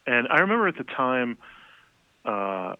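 A man's voice: medium pitch, big pitch swings, measured pace, dry recording. A man, a music journalist, telling interview stories in casual, rambling chat full of fillers. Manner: rambling, many fillers, laughs often. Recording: tinny phone-like line, dry.

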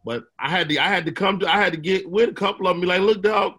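His voice sits high and moves quickly as this Chicago comedian tells stories in casual conversation. He's an animated storyteller who slips into other people's voices.

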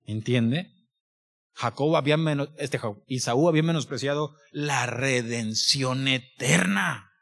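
A man's voice: medium pitch, measured pace, vocal fry, a bit bright. A middle-aged man preaching a sermon, putting repeated questions to the congregation and reading scripture aloud in formal old-style wording. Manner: repetitive, questions the congregation directly.

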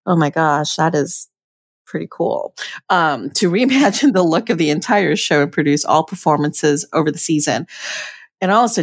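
A young woman with a low voice co-hosts a podcast, chatting loosely and giggling as she reads a guest's introduction. The sound is clean studio audio with no echo, and the talk is casual.

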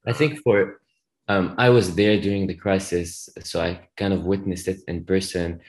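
A young man from Lebanon speaks as a guest in a podcast interview, earnest and measured. His voice sits very low with a gravelly edge. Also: fairly even intonation, a little mellow, rough recording. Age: 20s. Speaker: medical student guest.

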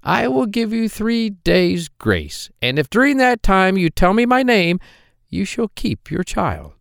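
A man voicing a scheming little male hobgoblin dwarf, high and wheedling in a storybook reading. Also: big pitch swings, a little slow, gravelly, dry recording, studio quality, heavily acted. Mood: bargaining. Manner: high, sing-song, wheedling.

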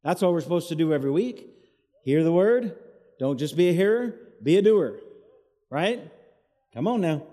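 Man, pastor, call-and-response sermon, cave-like echo, slightly high mellow voice. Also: very animated, moderate pace, pauses often. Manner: call-and-response preaching, has the crowd repeat after him. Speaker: associate pastor. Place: church hall, evening service. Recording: echoey church hall, cave-like reverb.

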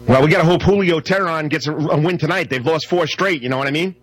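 A man's voice: on the high side, fast talker. A man hosting live sports talk radio, repeating himself and plugging the show as he goes.

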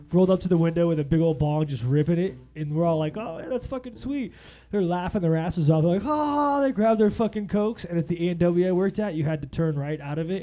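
A man telling casual stories among friends, swearing freely and acting out the people he quotes. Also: fairly high pitch. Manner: animated, swearing, acts out quoted voices loudly.

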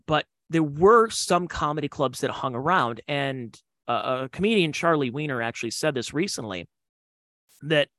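A man's voice: a little high, fairly bright tone, no room sound. A man hosting a podcast, telling comedy club stories in a rambling, digressive way with slangy asides. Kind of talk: casual storytelling.

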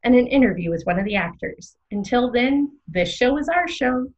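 A woman plays an opinionated, theatrical co-host on a theatre prediction show, trading scripted podcast banter and commentary with emphatic, rhetorical phrasing. Her voice is a little high and expressive at a normal speed, lightly acted, and the recording sounds muffled.

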